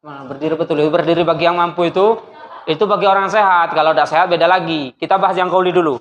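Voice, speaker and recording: High-voiced male teacher in an echoey classroom. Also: racing. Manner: lively, teasing, asks the class questions and acts out student voices. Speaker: religious studies teacher. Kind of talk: classroom lesson. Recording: echoey classroom with faint noise.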